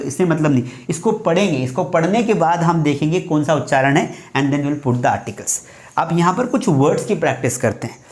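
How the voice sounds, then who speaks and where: A male teacher giving a lively grammar class. He repeats his main points and keeps asking the students questions. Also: a little high. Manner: mixes English phrases into Hindi. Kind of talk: classroom lecture. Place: writing on a board while teaching.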